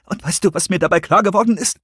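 A man's voice: high voice, quick pace, a bit bright, slightly rough, no room sound, studio quality, pitched above the performer's own voice. A man voicing a panicked young man on the run, breathless and shaky, in an audiobook. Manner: breathless, shaky, near collapse. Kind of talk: audiobook character voice.

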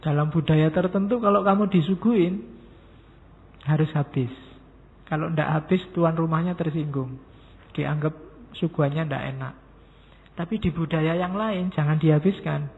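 A middle-aged man, giving a relaxed, joking philosophy lecture to students and slipping in words. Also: a little high, normal speed, long pauses. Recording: tinny phone-like sound in a long-reverb hall.

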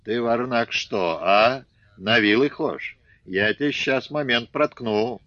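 A man reading an audiobook, voicing a gruff, domineering old peasant father who shouts abuse. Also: mid-range voice, slow, no echo, dull audio. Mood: furious. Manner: shouting, abusive.

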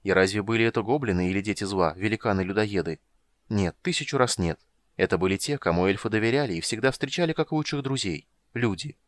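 A man narrating a fantasy audiobook in a steady, measured storytelling manner. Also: lowish voice, no room sound.

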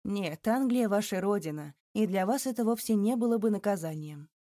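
Woman reads a sorrowful police chief, slow and grave, mellow tone. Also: medium pitch, lively intonation, dry recording, studio quality, natural voice. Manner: measured, regretful.

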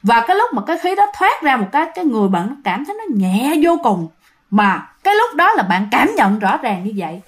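A young woman with a Southern Vietnamese accent narrates a ghost story in a loose, conversational way. Her voice sits a little high, and she fills pauses and repeats words to build suspense. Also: very animated. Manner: chatty, many fillers, repeats words for suspense. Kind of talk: casual spoken storytelling to listeners.

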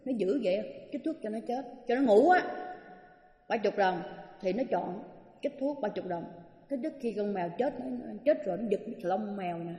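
Chatty Southern Vietnamese nun in an echoey hall. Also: female voice, medium pitch, animated, brisk, warm tone. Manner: chatty, acts out quoted voices. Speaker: Buddhist nun teacher. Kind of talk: storytelling dharma talk. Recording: echoey hall with long reverb.

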